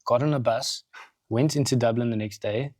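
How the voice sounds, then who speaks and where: A South African man, a podcast guest and coffee roaster founder, telling his story in casual, animated chat in a studio. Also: mid-range voice, normal speed, no echo. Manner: animated, acts out quotes in other voices.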